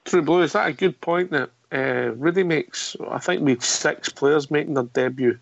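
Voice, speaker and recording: A man's voice: fairly high pitch, moderate pace, vocal fry, dry recording. A man casually hosting a football phone-in and passing the discussion between speakers. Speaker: phone-in host. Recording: dull, dry lo-fi audio.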